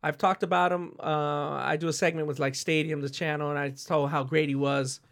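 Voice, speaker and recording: Man, slightly high pitch, slight cough, podcast co-host, animated opinions, quick affirmations. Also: vocal fry. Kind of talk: casual sports podcast chat.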